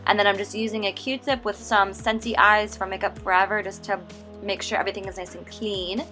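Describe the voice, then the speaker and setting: This beauty channel host, a young woman from the US, walks through her makeup tutorial step by step with gushing enthusiasm and plenty of "like." She speaks in a mid-range voice with a sharp tone.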